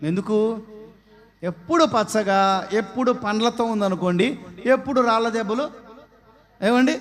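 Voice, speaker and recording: Male pastor, fairly high voice, sermon delivery, rhetorical questions, loud calls for response traded with quiet low asides. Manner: rhetorical questions, calls the congregation to answer aloud; swings between loud exhortation and soft low asides.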